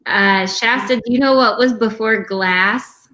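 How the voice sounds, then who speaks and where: A woman's voice: a little high, unhurried, pushed and bright. A woman chatting casually as co-host of an online bingo game. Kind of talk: casual chat.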